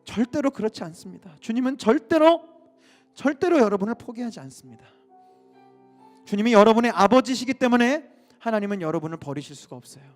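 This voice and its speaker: A man's voice: very high voice, expressive, a little fast, soft background music. A male pastor preaching an impassioned sermon full of rhetorical questions.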